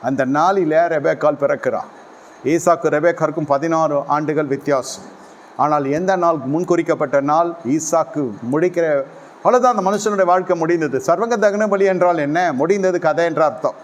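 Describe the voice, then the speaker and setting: A man's voice: on the high side, moderate pace. A man preaching a sermon emphatically, repeating his key phrases for weight.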